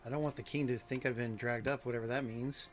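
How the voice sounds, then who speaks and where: A man with a mid-pitched voice hosts a casual gameplay stream. He chats easily about what is on screen, with game music faintly behind him. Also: steady tone, quick pace. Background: video game music.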